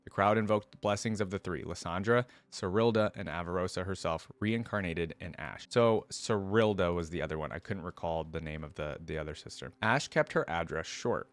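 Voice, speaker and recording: A man with a fairly low voice reads fantasy lore aloud as a reaction host, adding his own casual, conversational commentary. He speaks fairly quickly with few pauses. The recording is close and dry, with no room sound.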